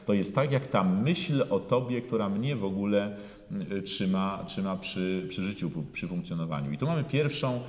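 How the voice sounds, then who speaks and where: A man giving a singing lesson, talking through phrases slowly with many pauses and fillers, and singing parts of them out in full voice. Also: lowish voice, expressive, darkish tone. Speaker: voice teacher. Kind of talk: singing lesson with sung demonstrations. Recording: roomy hall with long reverb.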